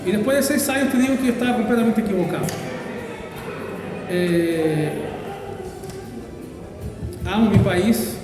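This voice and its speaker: A pastor who grew up in Brazil, answering interview questions in a thoughtful, hesitant way with many fillers. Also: male voice, high voice, a little slow, pauses often, heavy reverb, big-room sound, distant mic, music in the background, poor audio.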